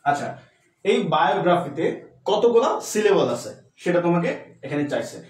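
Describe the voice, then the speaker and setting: A man tutoring live for an admission exam, talking quickly and informally to his students. His voice sits high, and he sounds a little away from the microphone in a room with a roomy echo. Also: big pitch swings, distant mic. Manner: addresses students informally, mixes English terms into Bengali. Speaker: admission test English tutor. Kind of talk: live online class, explaining exam questions. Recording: roomy echo, voice a bit off-mic.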